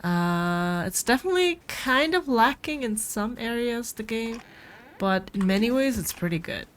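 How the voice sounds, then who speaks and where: Slightly high and animated, she talks at a moderate pace, with a bit of hiss or hum in the audio. Sick with a cold, this streamer rambles casually to viewers while playing a farming game, game music faint underneath.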